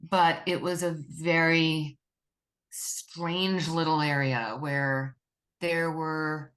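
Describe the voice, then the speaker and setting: A woman author from New Jersey recalling where she grew up, relaxed and reflective. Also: low voice, drawn-out words. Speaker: author panelist. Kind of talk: panel discussion.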